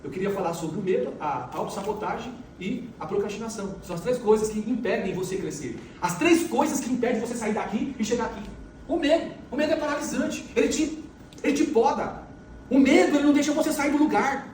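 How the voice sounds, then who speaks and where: With an extremely high, slightly mellow voice and a somewhat fast pace, a middle-aged motivational speaker tells forceful stories and repeats phrases for emphasis. The sound is echoey, from a distant mic in a large event hall, with faint noise.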